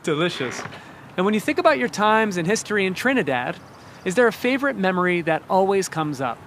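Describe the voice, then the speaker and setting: A man asking quick, upbeat rapid-fire questions as an interviewer. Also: high-pitched, big pitch swings, a bit bright, a little hiss or hum.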